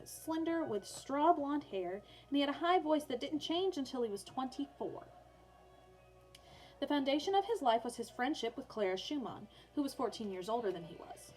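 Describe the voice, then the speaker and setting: A woman teacher reads a children's biography aloud for online learners, using storybook narration with informal, chatty asides. Her voice is high-pitched with a darkish tone, and the recording is rough.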